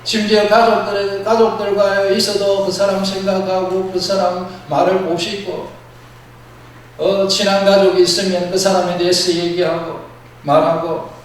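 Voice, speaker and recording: A man preaching a sermon as a pastor with a Gyeongsang accent, plain-spoken and blunt, swinging between loud emphatic bursts and soft low asides. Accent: Gyeongsang Korean. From Gyeongsang region, South Korea. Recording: very echoey hall, mic far off, faint noise.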